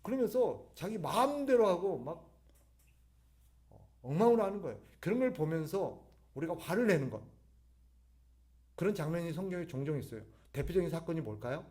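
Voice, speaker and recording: A man's voice: a little high, sing-song, normal speed, pauses often, a little mellow. A male pastor preaching a sermon at an evening church service, firing rhetorical questions at the congregation and answering them himself, with sudden emphatic rises.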